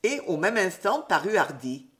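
A woman reading a storybook aloud in an expressive, animated way. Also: lowish voice, normal speed.

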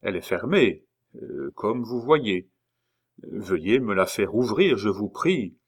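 In this audiobook, a man puts on an impatient, sharp-tongued envoy who is losing his temper. The voice sits lower than average and is sarcastic and exasperated. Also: sing-song, takes it slowly, exaggerated voice. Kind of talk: audiobook character reading.

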